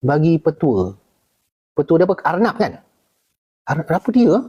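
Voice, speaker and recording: Husky Malaysian man, animated Q&A. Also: normal speed, highs cut off. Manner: animated, leaps high for emphasis, keeps checking in with "okay?" and "right?". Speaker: retired army officer answering viewer questions. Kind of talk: casual live Q&A.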